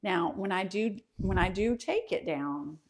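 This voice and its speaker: A woman's voice: medium pitch, animated, measured pace. A woman, chatting casually at home on a livestream and reading viewer comments aloud with many ums. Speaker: host of a home and kitchen channel.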